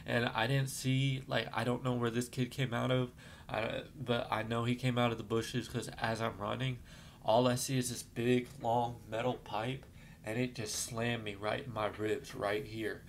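A man's voice: medium pitch, normal speed, vocal fry, slight background noise. A man telling his own life story, rambling with fillers and restarts, shaken as he recalls the events. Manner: gets shaken and apologizes, trying to calm down. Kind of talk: emotional personal storytelling.

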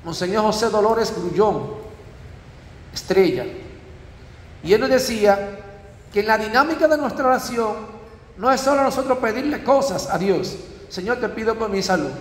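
A priest giving a parish talk, telling stories and checking in with the audience. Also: male voice, high-pitched, moderate pace, long pauses. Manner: storytelling, asks audience with frequent tag "¿eh?". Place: church. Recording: echoey church hall.

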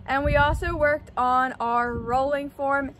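High-voiced young woman teaching P.E. outdoors. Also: steady tone, a little slow. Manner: clear step-by-step explaining, upbeat teacher tone. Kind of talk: instructional demonstration. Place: outdoors on a driveway. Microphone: camera on a tripod at mid distance.

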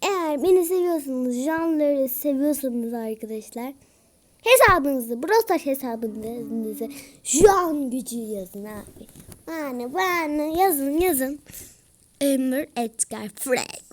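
A young girl with a stuffy nose from a cold, giving excitable commentary while playing a game, often shouting and groaning. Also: high voice, slow. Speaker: YouTuber. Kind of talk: gameplay commentary.

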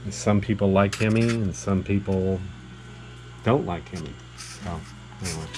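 A man working as a machinist, explaining his cuts in a plain, halting way full of fillers, recorded in a machine shop. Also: deep voice, dark tone. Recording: noisy workshop.

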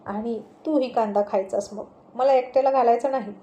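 A woman's voice: fairly high pitch, fairly even intonation, a little fast, warm tone, dull audio, slight background noise, lightly acted. A woman voicing a playful, teasing husband in his forties in a spoken story. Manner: joking, teasing.

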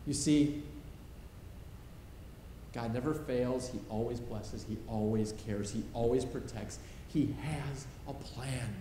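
Preaching from a pulpit in a large sanctuary, a middle-aged male pastor leans on short, repeated phrases. His mellow, medium-pitched voice moves slowly, and the recording has spacious church reverb and faint hiss.

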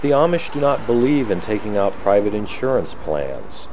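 A man narrates a documentary in a calm, measured, explanatory voice. His voice sits somewhat low with a dark, mellow tone. A faint hiss of noise lies under the recording. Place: voice-over, not recorded at the pictured site.

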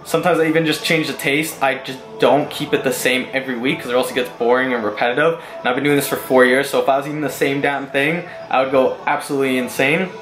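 A man's voice: mid-range voice, steady tone, fast, hardly any pauses, a bit bright, soft background music. Laid-back young man in an echoey kitchen. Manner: laid-back, filler-heavy, swears casually. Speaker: vlogger. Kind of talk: casual vlog walkthrough. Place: home kitchen, indoors. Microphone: handheld camera at arm's length. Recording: echoey kitchen room sound.

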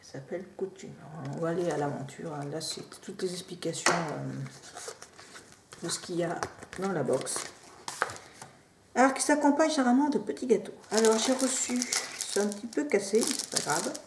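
A woman chatting casually through an unboxing, drifting into soft quiet asides. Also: on the low side, expressive, normal speed. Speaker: unboxing vlogger. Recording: roomy echo, faint noise.

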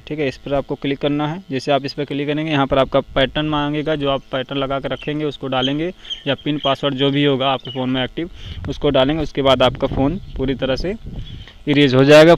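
A man hosting a phone tutorial, explaining each step steadily and checking in with "theek hai" as he goes. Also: medium pitch. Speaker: tech tutorial host. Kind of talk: screen-recorded phone tutorial. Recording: dull lo-fi voice-over with faint noise.

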